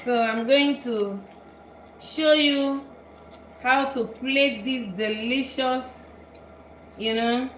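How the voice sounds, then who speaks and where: A high-pitched woman from Belgium hosts a live cooking stream, talking slowly through every step as she works. Her voice rings in an echoey kitchen with steady background noise. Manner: chatty, explains each step while working. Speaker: cooking show host. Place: home kitchen.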